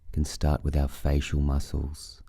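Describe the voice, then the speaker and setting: Man, meditation guide, extremely low mellow voice, soothing unhurried delivery, long pauses, close dry recording. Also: completely flat delivery, husky, dry recording.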